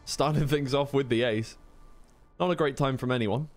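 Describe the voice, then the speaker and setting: Faint music plays behind a medium-pitched man speaking at normal speed as he gives live racing game commentary. The esports commentator and streamer is informal and slightly flustered, thinking aloud between calls and mixing in casual stream chat, while game car engines sound in the background amid clear noise.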